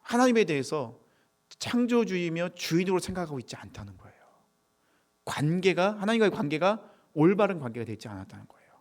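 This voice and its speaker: A man preaching a sermon to high school students, asking questions and answering them himself, sometimes dropping to a whisper. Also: big pitch swings, a little fast. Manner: asks the audience questions and answers them, drops to a whisper on key points. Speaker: youth pastor.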